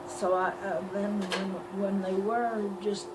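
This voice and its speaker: An elderly woman telling a story from her life as an informal reminiscence, halting, searching for words and repeating phrases. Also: medium pitch, little pitch movement. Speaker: grandmother telling life stories. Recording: loud background noise, amateur home recording.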